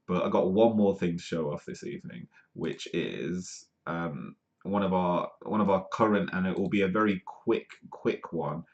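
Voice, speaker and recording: A man's voice: sits low, a little mellow. A man hosting a live comedy news stream from the UK, reading articles aloud with rambling asides and plenty of ums. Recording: dull lo-fi stream audio.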